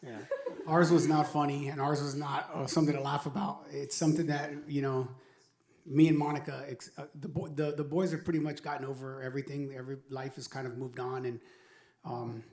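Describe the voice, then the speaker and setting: A man's voice: medium pitch, level tone, a little fast, a little mellow. Earnest middle-aged father telling a testimony. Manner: earnest, reflective storytelling. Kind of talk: personal faith testimony. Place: university venue. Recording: echoey room.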